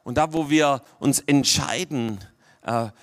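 A slow-speaking man from Swabia in Germany delivers a sermon as pastor, his medium-pitched voice dropping to near-whisper for emphasis as he checks in with the congregation through repeated "ja?"

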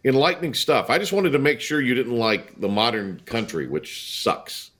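A man's voice: mid-range voice, very animated, a little fast, fairly bright tone. An American man hosting a sports radio show in a casual, chatty, blunt and teasing way. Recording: studio broadcast, faint music behind. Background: music.

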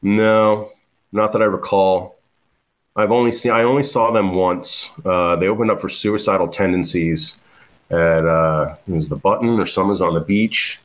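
Deep-voiced man rambling. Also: fairly even intonation, moderate pace. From South Florida. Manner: rambling, many fillers and restarts. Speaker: guest musician. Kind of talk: casual interview storytelling.

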